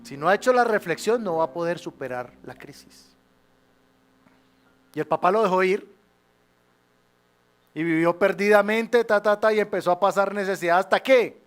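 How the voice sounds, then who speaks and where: A man preaching a sermon as pastor, with a Colombian Spanish accent, swinging between loud exclamations and hushed lines and having the congregation repeat after him. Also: sits high, normal speed, long pauses. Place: church sanctuary.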